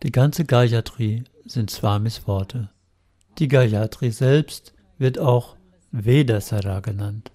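A man interpreting a spiritual talk, retelling the speaker's story in a steady, measured way. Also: medium pitch. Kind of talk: interpreting a sermon.

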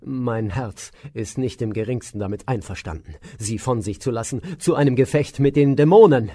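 A man's voice: mid-range voice, moderate pace, dark tone, lightly acted. A man voicing an anxious father king who speaks in a lamenting, pleading way.

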